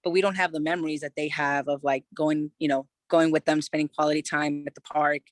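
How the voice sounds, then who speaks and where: A woman's voice: sits low, little pitch movement, a little fast, no room sound. Frank, chatty woman from California, dry sound. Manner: frank, loose and chatty, with heavy "you know" fillers and casual swearing. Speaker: podcast guest. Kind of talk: candid personal storytelling in conversation.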